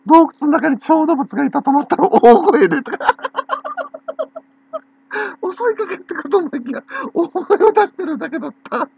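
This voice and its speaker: A woman's voice: sits high, gravelly. A woman with a Kansai accent rambling in a gossipy, teasing way and breaking into laughter again and again. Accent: Kansai Japanese. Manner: giggly, keeps breaking into laughter. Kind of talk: rambling casual monologue. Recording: dull lo-fi recording.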